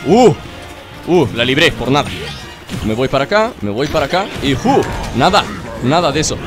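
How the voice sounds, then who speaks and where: A young Mexican man with a Mexican Spanish accent, playing a video game and joking with it in casual let's-play commentary, bursting into shouts. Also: a little high, very animated, normal speed. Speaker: gaming video host. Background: game music.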